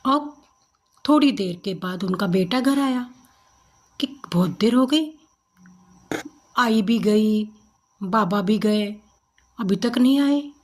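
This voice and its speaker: A woman storyteller narrating a comic folk tale in an expressive, conversational way. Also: medium pitch, slow pace, pauses often.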